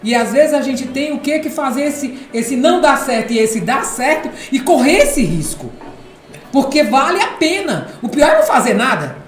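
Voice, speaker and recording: A woman from the Northeast hosting a podcast, speaking emphatically and repeating phrases for effect, with a deep contralto quality. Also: sing-song, moderate pace. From Ceará, Brazil. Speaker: podcast host and speaking coach. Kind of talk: casual podcast chat. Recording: echoey room, soft music behind.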